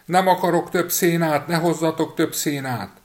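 Man voicing a tiny clever boy, shrill and daring, storybook. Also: lively intonation. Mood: shouting. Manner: shouting high and loud.

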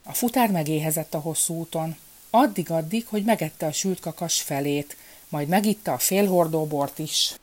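A woman narrating a folk fairy tale in a calm, measured storytelling manner. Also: sits low.

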